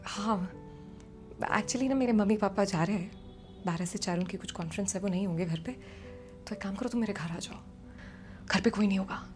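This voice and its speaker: A woman's voice: medium pitch, brisk, long pauses, faint music behind, lightly acted. Woman doing a shy stammering teenage boy. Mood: nervous. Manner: hesitant, stammering, quieter than narrator. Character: shy awkward teenage boy, nervous suitor.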